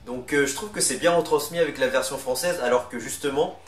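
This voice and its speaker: A man's voice: medium pitch, a little fast. A man hosting a ranking in casual, chatty, opinionated commentary. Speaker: video host presenting a ranking. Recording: roomy, distant mic, music underneath. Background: music.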